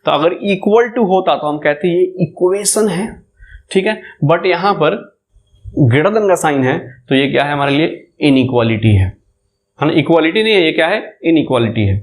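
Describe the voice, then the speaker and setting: Male maths lecturer, Bihari Hindi accent, slightly high voice, repeats key terms as questions. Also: expressive, normal speed. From India. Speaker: maths teacher. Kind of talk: classroom lecture.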